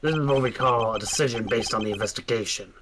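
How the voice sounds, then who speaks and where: A man's voice: mid-range voice, fast, noisy background, natural voice. A man voicing a cocky, tough male agent with a smug, slangy drawl. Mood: dismissive.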